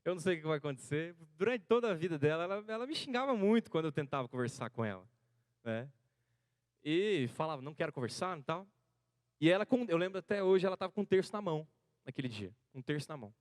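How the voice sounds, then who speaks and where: A Brazilian seminarian in his thirties preaches a sermon in a church hall, building it around a personal story. His slightly high, expressive voice moves fast and swings between hushed moments and loud, rising passages. The sound is clean studio quality with no echo.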